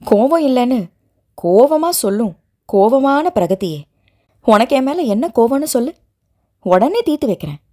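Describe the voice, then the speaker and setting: A woman's voice: mid-range voice, very animated, normal speed, darkish tone, natural voice. A woman reading a novel aloud, voicing a playful, teasing young wife who hides her hurt behind jokes. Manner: playful and teasing, turning tender.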